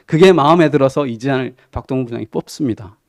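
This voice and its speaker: The preacher here has a mid-range voice and talks fast, recorded at studio quality with no echo. He delivers his sermon in a church sanctuary as a conversational story, recounting a TV drama with quoted lines and asking the congregation questions.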